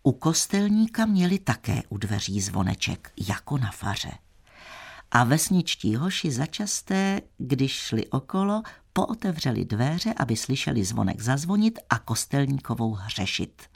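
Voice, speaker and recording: A male audiobook narrator reading an old village tale in a measured, old-fashioned way. His voice is gravelly and noticeably husky, sitting at a middling pitch. The pacing is steady and deliberate. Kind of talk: scripted narration of a classic tale.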